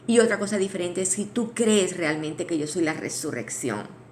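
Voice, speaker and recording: A woman teaching a Bible study in a conversational way. She restarts phrases, adds asides to her listeners, and slows down to read scripture aloud. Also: lowish voice, lively intonation, a little mellow, slight background noise. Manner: reads scripture aloud slowly.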